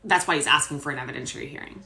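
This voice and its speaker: A woman's voice: low-pitched, rapid-fire, vocal fry, bright, forceful tone. A woman lawyer giving casual legal commentary, explaining points conversationally with fillers. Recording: roomy echo.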